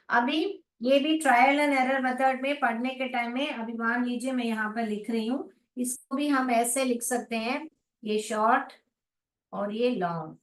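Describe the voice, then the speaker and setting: A woman teaching English phonics in an online class, sounding out words slowly and reading out students' answers. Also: on the high side, a bit bright, far from the mic. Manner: slow, drawn-out sounding of letters and words; reads out students' chat answers and praises them. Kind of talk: online class, explaining in Hindi with English terms. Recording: echoey room, voice away from the mic.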